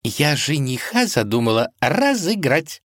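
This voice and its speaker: A man's voice: on the high side, a little slow, no room sound, clean studio sound, voice pushed up. A man voicing a playful, mischievous young princess with a wheedling manner. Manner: wheedling, lively.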